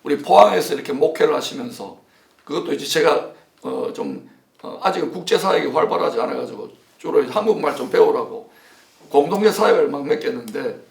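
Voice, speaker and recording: Creaky, higher-pitched male pastor. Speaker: pastor and host. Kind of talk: sermon turning into interview. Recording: roomy echo.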